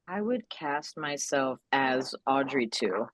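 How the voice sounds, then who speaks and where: A woman with a low voice chats as a podcast guest, playful and rambling, often breaking into laughter. Her voice sounds dry and close, with no room echo. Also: expressive, takes it slowly. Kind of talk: casual podcast chat.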